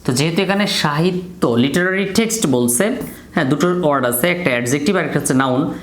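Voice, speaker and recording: A man's voice: on the high side, quick pace. Man drilling word meanings in an echoey room. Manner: repeats each word meaning in call-and-response. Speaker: English teacher. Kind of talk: classroom vocabulary drill. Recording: echoey room with faint background noise.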